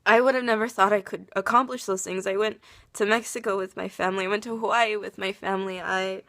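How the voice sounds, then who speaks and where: A woman's voice: mid-range voice, fairly even intonation, quick pace, fairly bright tone, no room sound, clean studio sound. A young woman vlogger speaking tearfully in an earnest, heartfelt confessional. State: tearful, crying. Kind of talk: confessional personal vlog.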